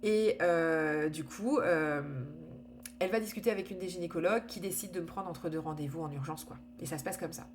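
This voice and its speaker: A woman talks through a personal account in a candid, unpolished way, with many restarts and small fillers. Her voice sits on the lower side. A faint hum runs under the recording. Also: brisk. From France. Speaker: storyteller sharing her cancer experience. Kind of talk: casual personal testimony.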